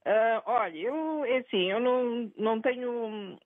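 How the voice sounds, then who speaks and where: A woman's voice: a little high, unhurried, no echo. An older retired woman calling in to a TV news show, talking insistently and repeating herself as she makes her point. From Angola. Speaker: caller. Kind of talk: phone-in opinion. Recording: tinny phone line.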